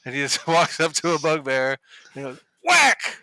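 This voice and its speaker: A man's voice: mid-range voice, steady tone, fairly quick, sharp tone, no echo, poor audio. A man playing a tabletop game, describing his character's actions playfully. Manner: playful storyteller. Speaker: player. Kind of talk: casual tabletop play.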